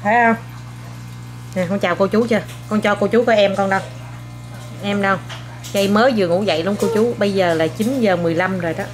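A young woman, a mother filming a casual home vlog, coaxing, teasing and gently scolding her child while talking to viewers. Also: medium pitch, steady tone, fast, faint music behind.

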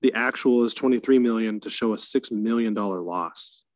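A council member pressing pointed, skeptical questions about the budget at a meeting over a video call. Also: male voice, fairly low pitch, normal speed, no echo.

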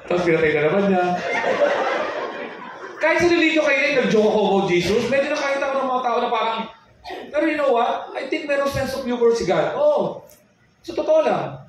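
A man with a rather high voice doing stand-up comedy, acting out conversations as he tells his stories. The sound is heavily echoey and distant, recorded live in a large room with audible background noise. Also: very animated. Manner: storytelling with quick acted-out dialogue. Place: comedy venue with live audience. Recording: echoey live venue audio from far off, noisy.

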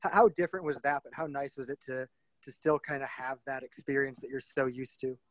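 A man's voice: mid-range voice, fairly even intonation, fairly quick, no echo, rough recording. Male reporter, dry and direct. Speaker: sports reporter. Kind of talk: press conference questions.

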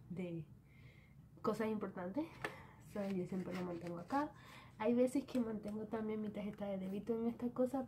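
A young Dominican woman talks casually through her planner in a small bedroom, slipping English words into her Spanish. She records on a phone held close, with a faint hiss behind her. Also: mid-range voice. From Dominican Republic. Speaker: vlogger. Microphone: phone camera at arm's length.

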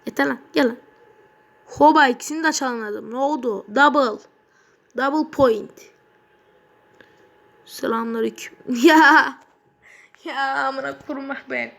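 Woman, high voice, mobile game commentator; excitable, swears a lot, yells at the game. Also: unhurried, gravelly, long pauses. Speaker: gaming channel host.

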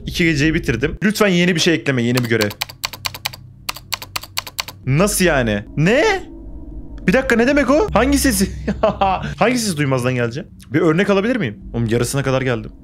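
A man's voice: on the high side, sing-song, fast, a little hiss or hum. A young man playing a horror game, commenting on the action, getting jumpy and swearing back at the game. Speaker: gaming YouTuber.

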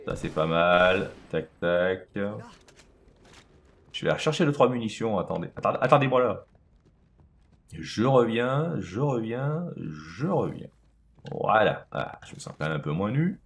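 A man's voice: sits low, lively intonation, normal speed, vocal fry. A man casually commenting on his own video game play, chatting to himself and to the enemies on screen.

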